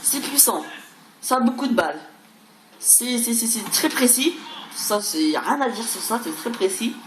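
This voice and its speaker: A woman's voice: fairly high pitch, lively intonation, moderate pace. A woman giving casual, rambling gameplay commentary, stammering over and repeating words, with some mild swearing. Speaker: gaming video creator. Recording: roomy echo, clearly noisy background.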